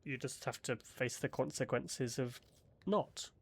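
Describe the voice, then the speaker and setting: A man's voice: mid-range voice, unhurried, breathy edge. A man casually commenting while playing a game, making chatty, wry asides to what the narrator says. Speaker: game streamer. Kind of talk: casual let's-play commentary.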